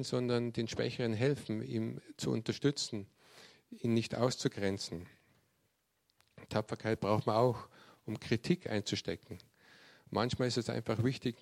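A man giving a sermon to a youth group, reading scripture and telling the story with lively acted-out quotes. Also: mid-range voice, creaky. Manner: lively storyteller who acts out quoted speech.

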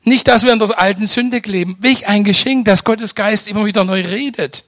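Emphatic older German preacher, tinge. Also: male voice, high voice, normal speed, no echo, clean studio sound. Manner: emphatic, swings between loud exclamations and soft hushed lines; addresses the congregation directly with questions. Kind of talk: sermon.

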